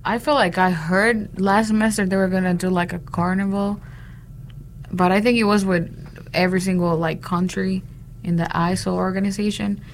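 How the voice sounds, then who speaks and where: Gravelly young woman from Honduras. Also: mid-range voice, fairly even intonation, moderate pace, slight background noise. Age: young adult. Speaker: interview guest, international student. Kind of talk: casual interview chat.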